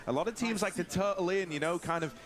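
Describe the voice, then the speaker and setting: A man's voice: high-pitched, fast. A man giving conversational, analytical esports caster commentary on a match. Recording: clear game noise, clicks, gunfire.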